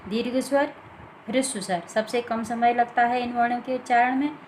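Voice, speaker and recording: A woman teaching a grammar lesson, explaining slowly and deliberately from written notes with many pauses. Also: fairly high pitch, steady tone, a little mellow, slight background noise, low-quality recording.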